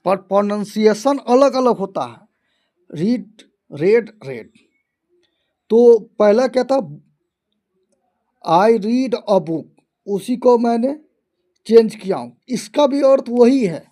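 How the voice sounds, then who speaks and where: A man gives an online grammar lesson at an unhurried, deliberate pace. He circles back over every point, repeating key terms. He reads his example sentences out slowly, word by word. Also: high-pitched, dark tone. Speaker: English grammar teacher.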